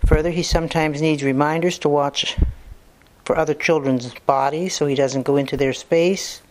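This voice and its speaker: Speaking at a moderate pace in a medium-pitched voice, a clinician dictates a report with steady, matter-of-fact delivery. Names get spelled out, punctuation is spoken aloud, and fillers turn up now and then.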